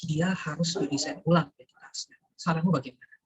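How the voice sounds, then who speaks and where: A man's voice: on the high side, steady tone, quick pace, husky. A man moderating an online conference Q&A, speaking hesitantly with many fillers while his video-call audio cuts in and out. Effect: choppy video-call audio breaking up. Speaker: panel moderator.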